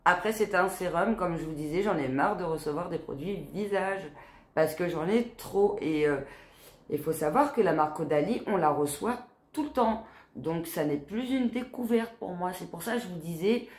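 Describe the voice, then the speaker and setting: A woman in her forties chatting casually as a beauty vlogger, with a nasal, stuffed-up smoker's voice that sounds tired. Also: low-pitched. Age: 40s. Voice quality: nasal, congested; smoker's voice, not soft. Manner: chatty, informal, tags sentences with quoi and hein. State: blocked nose, tired. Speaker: beauty box unboxing vlogger. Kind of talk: casual chat to camera. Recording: echoey, roomy sound.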